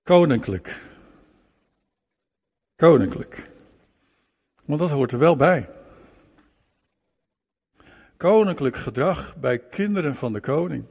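A man's voice: a little high, animated, unhurried, vocal fry, pauses often, darkish tone, husky. A man preaching a sermon, emphatic, repeating words and phrases for stress. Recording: long reverb of a hall.

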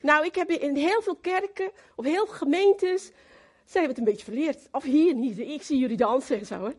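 A woman giving a lively, emphatic sermon who talks straight to the congregation and slips into English now and then. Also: sits high, normal speed. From Moluccan community in the Netherlands. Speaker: preacher.

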